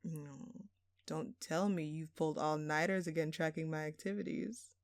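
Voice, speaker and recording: Speaking straight to the listener in an audio roleplay, a woman voices a smug thief who is obnoxiously flirtatious, drawling and teasing with a sultry, mock-innocent air. Her voice is low, with fairly even intonation at normal speed, captured in clean studio sound with no echo.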